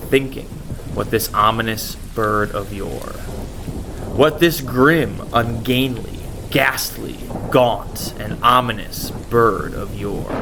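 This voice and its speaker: A man gives a theatrical, deliberate dramatic reading of gothic poetry. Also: mid-range voice, vocal fry. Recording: noisy, with rain and thunder behind. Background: rain and thunderstorm ambience.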